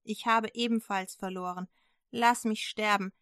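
A woman's voice: medium pitch, steady tone, unhurried, a bit bright, no echo, studio quality, close to an everyday voice. Woman doing weary prophet Elijah. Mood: earnest weary. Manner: earnest, sighing pleas. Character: worn-out male prophet Elijah, earnest.

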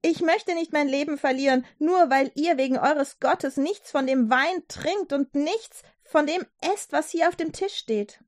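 A woman's voice: high voice, measured pace, hardly any pauses, voice pushed up. A woman voicing an anxious male court official in a children's storybook reading, fretting and pleading. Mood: fretful.

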